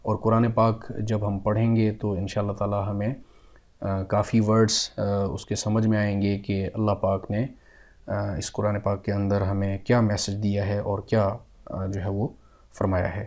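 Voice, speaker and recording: Low, mellow-voiced man teaching Arabic slowly. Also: level tone. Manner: slow drawn-out Arabic words with Urdu glosses; frequent "aa" fillers, mixes in English words. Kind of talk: beginner language lesson.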